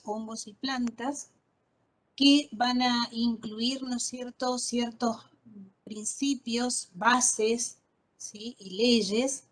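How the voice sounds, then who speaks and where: Teaching botany online, a female lecturer patiently spells out terminology and often asks questions to make sure students follow. Her voice runs slightly high, and the audio quality is poor.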